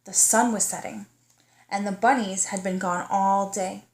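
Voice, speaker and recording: A kindergarten teacher, a woman, reads a storybook aloud, speaking to children directly and pausing to ask them questions. Her voice sits at medium pitch with fairly even intonation, and there's slight background noise.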